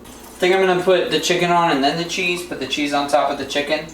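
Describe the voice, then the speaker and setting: A man's voice: fairly high pitch, steady tone, quick pace, a bit bright, reverberant, slight background noise. A young man vlogging casually from his home kitchen, talking in a rambling, easygoing way full of fillers. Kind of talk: casual vlog chat.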